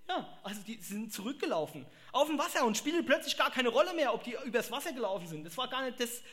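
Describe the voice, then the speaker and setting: A man delivers a sermon quickly in a high, bright, sharp and forward voice. He's animated throughout, bursting into exclamations and playing out the voices of those he quotes.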